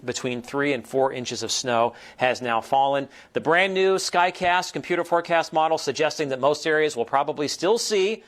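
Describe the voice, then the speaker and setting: Higher-voiced American man presenting the weather. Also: lively intonation, moderate pace, hardly any pauses, a bit bright. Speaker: TV weather forecaster. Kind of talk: broadcast weather forecast, ad-libbed presentation.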